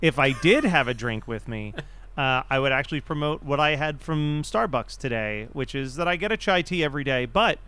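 A man co-hosting a casual movie podcast, talking quickly, laughing often and acting out quoted lines. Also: medium pitch, expressive, pushed and bright, clean tone. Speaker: podcast co-host.

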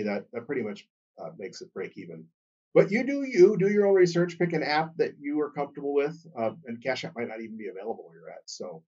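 A man with a husky, somewhat breathy voice hosts his solo podcast in a loose, chatty way. His pitch and loudness swing up with enthusiasm, then drop low again. The sound is dull and a little distant from the mic. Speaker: podcast host. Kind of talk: casual solo podcast talk.

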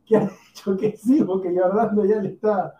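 A man with a high voice co-hosts a football podcast and rambles through jokes in casual banter. He sounds dark and mellow despite the high pitch. He is picked up from a distance in an echoey room. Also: moderate pace. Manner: joking, rambling, animated bursts. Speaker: podcast co-host.

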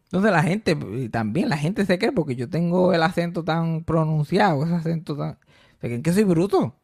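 A man with a Puerto Rican accent chatting casually on a podcast, animated and swearing freely, slipping English into his Spanish. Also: fairly high pitch, normal speed. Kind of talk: casual chat.

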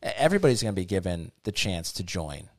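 A man's voice: sits low, very animated, fast talker, darkish tone. A man on a podcast chatting casually and explaining his beliefs with easy humor.

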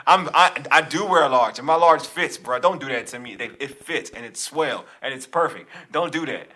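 A man's voice: fairly high pitch, normal speed. A young man hosting a casual sports podcast, joking and teasing his co-hosts. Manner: laughing, joking, animated teasing. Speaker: podcast host.

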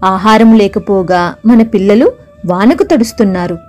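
A woman's voice: mid-range voice, normal speed, darkish tone, faint music behind, natural voice. A woman voicing a timid, worried male wolf father in a storybook. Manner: anxious, then angry.

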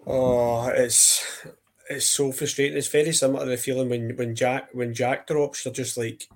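A man speaks in a flat, even mid-range voice on a football podcast. He sounds exasperated, piling up rhetorical questions as he talks. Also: medium pitch, normal speed. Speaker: podcast co-host. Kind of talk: casual football podcast chat.

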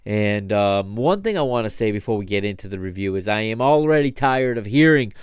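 Crisp, dry-sounding male podcast host. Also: lowish voice, animated, fairly quick, dry recording. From United States. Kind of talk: solo sports podcast talk.

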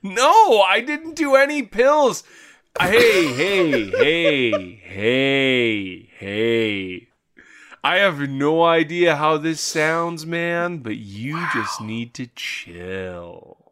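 A man's voice: fairly high pitch, expressive, very slow, a bit bright. A man co-hosting a casual sports podcast whose faulty microphone warps his voice like a voice changer, so he sounds drowsy and sedated. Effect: mic malfunction makes voice sound warped, like a voice changer. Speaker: podcast co-host.

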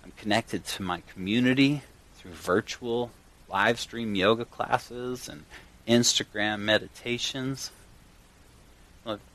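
A man speaking earnestly and enthusiastically to listeners in a personal monologue, with deliberate phrasing, recorded in a garage as a podcast host. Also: fairly low pitch, fairly bright tone, rough recording. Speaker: podcast host and yoga teacher. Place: in a garage, recording at a home studio setup.

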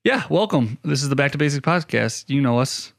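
A man's voice: medium pitch, lively intonation, fairly quick, gravelly, no echo, clean studio sound. A man co-hosting a casual medical podcast, playful and teasing. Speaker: podcast co-host, firefighter paramedic.

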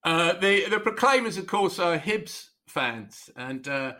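A man's voice: high-pitched, slow pace. A man hosting a casual football podcast, reading out listener emails and breaking into terrace chants. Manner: animated, bursts into football chants. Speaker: podcast host.

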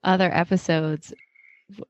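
A woman's voice: lowish voice, fairly even intonation, unhurried, no room sound. A woman podcast host chatting casually and telling a story, with lots of fillers.

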